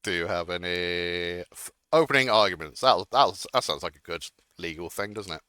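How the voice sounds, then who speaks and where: A man's voice: sits low, lively intonation, moderate pace, pushed and bright, clean tone, no room sound, studio quality. A man playing judge in a playful game role-play, cheerful and theatrical.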